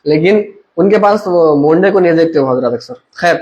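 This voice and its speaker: A man leads a relaxed religious class, his voice sitting high for a man. He talks things through with homely examples and keeps asking whether his listeners follow. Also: normal speed, muffled recording. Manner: explains with everyday examples, checks understanding with listeners. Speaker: religious teacher. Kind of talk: conversational Islamic lesson.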